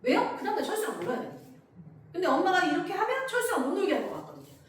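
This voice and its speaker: A woman teaching parents in a lecture, lively and often acting out what children and parents say. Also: very high-pitched, rapid-fire, slight background noise. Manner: animated, acts out children and parents in quotes. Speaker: parenting educator. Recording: echoey hall, voice from far off.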